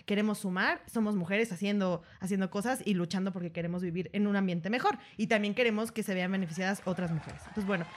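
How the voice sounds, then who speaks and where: A woman in her thirties with a Mexican accent, co-hosting a casual podcast chat in a slangy, animated way. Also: mid-range voice, fast talker, few pauses. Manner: slangy, animated, laughs often. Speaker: podcast co-host.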